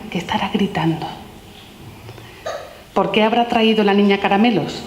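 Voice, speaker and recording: At a normal pace, a mid-pitched author reads questions from her children's philosophy book to an audience, posing one gentle question after another. The large public-talk hall gives a long reverb, with a little hiss or hum in the recording.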